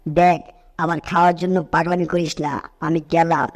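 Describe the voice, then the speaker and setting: A woman's voice: on the low side, flat delivery, moderate pace, no echo, lightly acted. A woman voicing Jerry, a cheeky, scheming cartoon mouse who taunts and teases. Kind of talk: cartoon dub acting.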